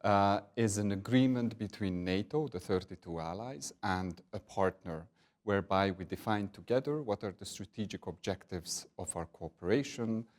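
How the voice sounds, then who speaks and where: Guy, deep voice, slow diplomatic answers w lots of uhs. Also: a little mellow. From Hungary. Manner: measured, diplomatic, with frequent filler pauses. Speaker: NATO partnerships director, guest. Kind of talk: interview answers.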